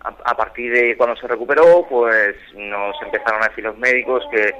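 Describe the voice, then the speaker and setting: A man in his thirties with a Spanish accent from Barcelona speaks earnestly as a radio caller. His voice is bright and forward, and he stops and restarts often as he finds his words. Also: medium pitch, brisk, highs cut off. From Spain. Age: 30s. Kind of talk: phone-in interview.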